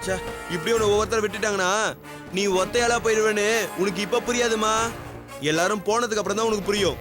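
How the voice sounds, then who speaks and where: An earnest, reproachful son, played by a man lectures quickly in a high-pitched voice. Clear drama music plays under his lines. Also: fairly even intonation, lightly acted. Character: earnest young man rebuking his mother. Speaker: grown son scolding his mother.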